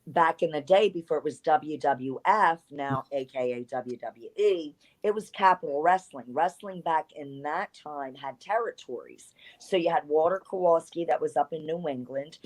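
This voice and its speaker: A woman in her fifties from South Jersey with a New Jersey accent, chatting as an interview guest and telling long, rambling stories with easy laughs. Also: low voice. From South Jersey, USA. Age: 50s. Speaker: guest, retired wrestler. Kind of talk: casual interview storytelling.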